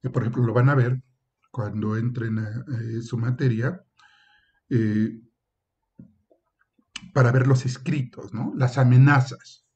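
The speaker is a male professor delivering a university lecture, his voice even and mid-pitched. He works through points one at a time, leans on "eh" and "este" as fillers, and sometimes acts out short exchanges as examples, all in muffled, lo-fi sound.

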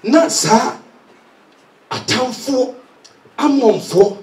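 A middle-aged man, preaching a sermon in Twi and English on a handheld mic, energetic and often shouting. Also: very high-pitched, extremely slow. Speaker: head pastor. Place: church hall with carpeted floor. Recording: echoey hall recorded from a distance.

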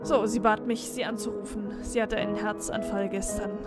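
A woman's voice: mid-range voice, level tone, normal speed, loud music behind the voice, close to an everyday voice. A woman voicing a formal, polite man calling from a nursing home in a game reading.

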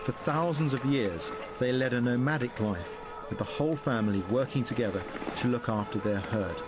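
Calm male documentary narrator. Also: mid-range voice, moderate pace, music in the background. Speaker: presenter narrating.

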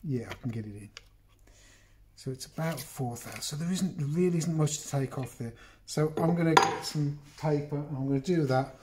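A man's voice: a little high, normal speed, very noisy. A middle-aged English man with a chatty, rambling manner, talking the viewer through woodworking in his workshop and filming on a phone. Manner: chatty, rambling, self-interrupting, talks to the viewer. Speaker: woodworking video host. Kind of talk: casual workshop demonstration. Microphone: phone camera on the bench, moved around.

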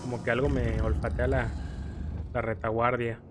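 With video game music playing behind him, a Mexican streamer gives loose, rambling commentary on his gameplay in slangy, jokingly profane speech. He talks at a normal speed in a medium pitch that barely moves.

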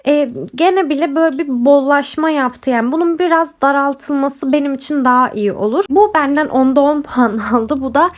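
A woman's voice: sits high, normal speed, few pauses. A young woman chatting casually to camera about clothes she bought, talking straight to her viewers, her voice a little off from being sick. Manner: chatty, addresses viewers directly, frequent fillers. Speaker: lifestyle vlogger. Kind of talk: casual haul and review chat to camera.

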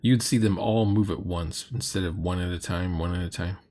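A middle-aged man with a deep, mellow voice reacts to a recorded roleplaying session, grumbling and mocking as he delivers critical, sarcastic commentary. His tone stays steady and his pace moderate.

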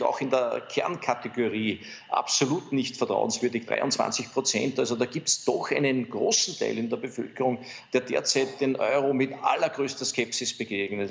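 Gravelly, hesitant man analysing polls. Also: medium pitch, muffled recording. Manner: hesitant, many fillers and restarts. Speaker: pollster guest expert. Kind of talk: studio interview analysis. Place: TV studio.

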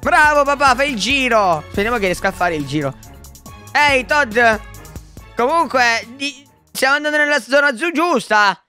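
A man voicing an excitable little boy who thinks he is Mario, shouting and apologizing by turns in a Minecraft roleplay. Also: extremely high pitch, normal speed, exaggerated voice. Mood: eager. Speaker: roleplay video maker. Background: background music.

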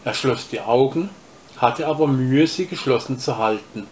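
A man reading a children's story aloud, slowly and deliberately. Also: medium pitch, a little hiss or hum. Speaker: reader of a story.

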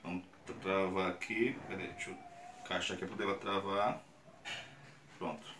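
A screen printing channel host in his 30s, Brazilian with a matching accent, gives a casual how-to in a small indoor print workshop, patient and coaxing, explaining each step and frequently saying "tá?". His voice sits low and a bit bright, with little pitch movement, at normal speed. Recorded by a tripod camera a few meters off, the bare room echoes and a faint hiss runs underneath.

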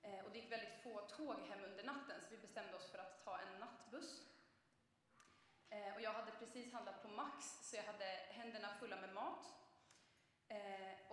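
A woman's voice: medium pitch, a bit bright, a little hiss or hum. A young woman preacher giving a conversational sermon, telling a personal story with frequent hesitations. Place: church. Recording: echoey church from a distance.

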